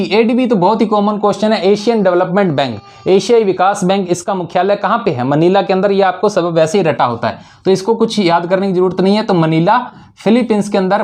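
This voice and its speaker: A male teacher giving an exam-prep lesson with memory tricks, asking questions and answering them himself, and repeating key words for emphasis. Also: high voice.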